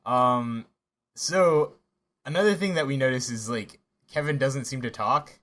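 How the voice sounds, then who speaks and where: A man's voice: mid-range voice, a bit bright. Male podcast co-host, casual chat, stumbling and laughing as he talks. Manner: halting, with many restarts and laughs.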